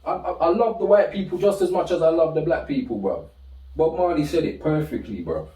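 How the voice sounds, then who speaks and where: A young British man talks casually on a podcast, animated and full of slang, his voice leaping up when he retells stories. The tone is mellow. He sits back from the mic in a roomy space. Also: fairly high pitch, brisk, distant mic. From Britain. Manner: animated, heavy slang, rises sharply when telling stories. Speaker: podcast co-host. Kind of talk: casual chat.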